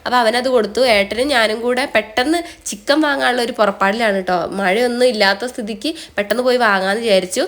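A woman's voice: a little high, fast talker, hardly any pauses. A young Malayali woman with a blocked, nasal voice from a cold, chatting through a casual voice-over for her vlog. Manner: chatty, often ends phrases with a soft tag word. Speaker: vlogger.

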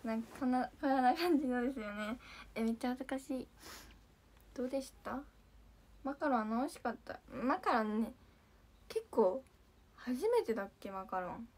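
A woman's voice: fairly high pitch, lively intonation, normal speed, pauses often, darkish tone. A young woman chatting casually on a livestream, reading viewer comments and answering in a giggly, bubbly way. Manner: giggly, bubbly, often surprised. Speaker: idol livestream host.

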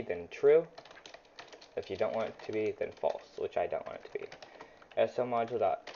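A man's voice: on the low side, gravelly, dark tone. A young man talking casually through a coding tutorial, thinking aloud while he types, with plenty of ums. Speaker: YouTuber teaching game scripting. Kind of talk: screen-recorded coding tutorial. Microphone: desk mic near a loud keyboard. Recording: dull lo-fi home mic, faint typing noise.

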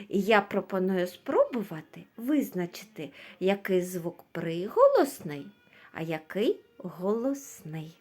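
A woman's voice: medium pitch, darkish tone. A woman teacher giving a lesson to young children, patiently asking questions and answering them herself, singing out sounds. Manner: slow, patient, asks and answers her own questions; sings out sounds and words drawn out. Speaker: kindergarten teacher.

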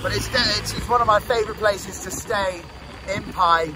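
This travel vlogger, a twenty-something Brit raised mainly in Singapore, Southeast Asia, speaks in a high voice at normal speed with noise behind him. Chatting casually and slangily to camera, he stands outdoors by a roadside and open-air bar in a small town, filming handheld from arm's length on a phone or camera.

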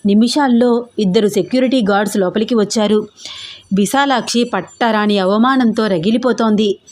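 A woman narrating an audio story in a steady, expressive reading. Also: mid-range voice, normal speed.

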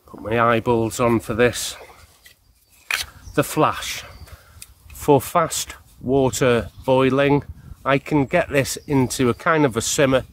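Slow-talking man in woods. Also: mid-range voice, a little hiss or hum. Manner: chatty, explanatory, unhurried. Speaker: outdoor gear vlogger. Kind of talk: casual product demonstration. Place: woodland outdoors beside a hammock. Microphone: handheld camera close up.

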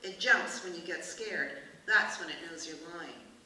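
A woman's voice: on the low side, unhurried, pushed and bright, far from the mic. A woman reading the lines of a falsely sweet nurse who coaxes a little girl, in an echoey room away from the mic with hiss. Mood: coaxing. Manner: syrupy, falsely kind. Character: sweet-talking woman nurse, coaxing a child.

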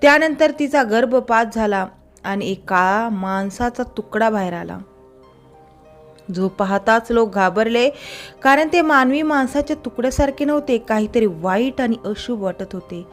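A woman's voice: on the high side, measured pace, faint music behind. A woman telling a traditional story in a casual, conversational way, now and then correcting small slips as she goes.

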